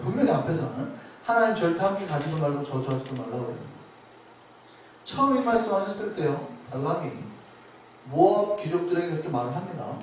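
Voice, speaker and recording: A male pastor preaches with emphasis, often putting questions to his listeners. His voice sits a little high and moves a great deal. The sound is heavily echoey and picked up from far off, with faint noise underneath. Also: darkish tone. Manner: emphatic, asks the congregation questions. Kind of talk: sermon. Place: church sanctuary. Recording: echoey church sanctuary from far off.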